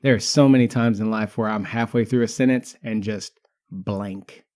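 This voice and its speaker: A man's voice: lowish voice, steady tone, normal speed, darkish tone. A man in his thirties co-hosting a podcast, chatting casually and teasing with frequent laughs. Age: 30s. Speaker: podcast co-host.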